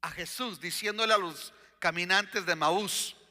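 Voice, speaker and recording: Slow, high-voiced pastor preaching. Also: male voice, bright, forceful tone, long reverb tail. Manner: slow, deliberate preaching with emphatic questions. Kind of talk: sermon.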